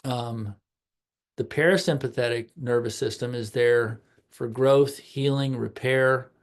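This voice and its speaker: A man's voice: medium pitch, steady tone, a little slow. A middle-aged man giving an informal health lecture over a video call, speaking loosely with many ums and restarts. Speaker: health practitioner giving a talk.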